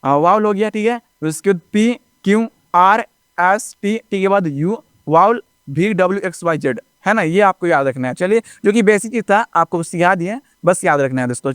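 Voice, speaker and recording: A man with a high-pitched, clean and resonant voice runs a basic lesson. He recites letters slowly and keeps asking his listeners if they follow. The sound is dry and close. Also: clean tone, dry recording. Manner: repetitive, keeps checking with "ठीक ना?" and addressing viewers as friends. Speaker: teacher. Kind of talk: classroom-style lesson narration.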